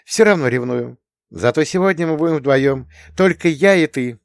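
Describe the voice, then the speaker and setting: A man's voice: on the high side, moderate pace, vocal fry, no room sound, clean studio sound, pitched above the performer's own voice. A man doing a shy, affectionate young wife. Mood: playful. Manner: soft, bashful.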